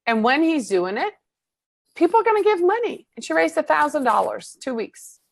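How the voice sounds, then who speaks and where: A woman from the Netherlands with a Dutch accent, a marketing coach chatting as a guest on a video interview, animated and full of fillers. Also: sits high, normal speed, vocal fry, no echo. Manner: chatty, animated, fills with "um" and "you know".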